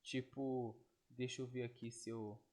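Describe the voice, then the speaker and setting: A man teaching Greek in an online lesson, explaining step by step and checking in with quick tag questions. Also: medium pitch, little pitch movement, a little mellow.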